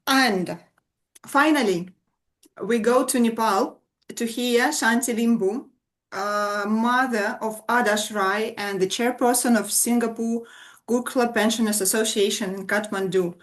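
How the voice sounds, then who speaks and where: A woman hosting an online event over a video call, speaking haltingly with fillers and loose phrasing as she introduces speakers. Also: fairly high pitch, a bit bright. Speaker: event host, moderator.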